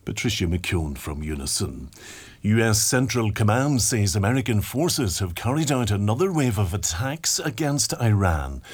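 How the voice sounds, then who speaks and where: A man's voice: fairly low pitch, sing-song, normal speed, breathy edge. A man reading a scripted news bulletin. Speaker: news reader.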